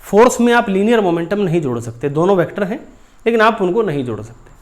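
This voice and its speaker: High, lively physics teacher. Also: male voice, fast talker. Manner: addresses students warmly as dear children; explains step by step while drawing. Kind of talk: whiteboard lesson.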